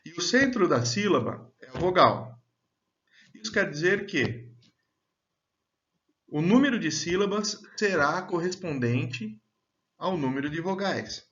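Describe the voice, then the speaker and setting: A man teaching a grammar lesson, speaking slowly and deliberately and drawing out example words. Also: high-pitched, big pitch swings, fairly bright tone. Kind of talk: slow, clear grammar lesson. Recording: dull, lo-fi sound.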